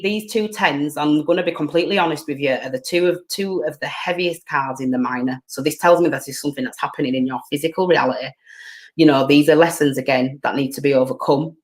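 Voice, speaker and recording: A tarot reader giving a live-streamed reading, rambling, hunting for words and repeating themselves while giving earnest, direct advice to viewers. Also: mid-range voice.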